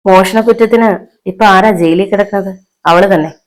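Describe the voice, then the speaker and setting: A woman's voice: mid-range voice, brisk, lightly acted, poor audio. Woman doing a defiant young wife. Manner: sharp, cutting.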